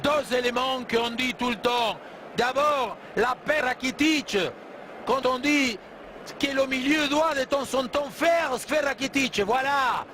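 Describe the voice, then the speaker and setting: A man giving animated football co-commentary, emphatically analysing play and rephrasing his points with halting hesitations. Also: very high voice. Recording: clear background noise.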